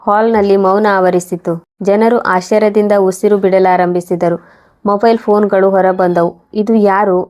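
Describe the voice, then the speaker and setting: A woman reading a scripted moral story in an even, measured way. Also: medium pitch. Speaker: narrator.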